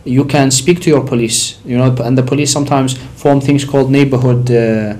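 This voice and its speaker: A man's voice: mid-range voice, fairly even intonation, a little fast, warm tone. Man from Iraq, studio religious guest, emphatic explainer. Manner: explanatory, rising emphasis on key points. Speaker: sheikh answering questions. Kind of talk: religious call-in discussion.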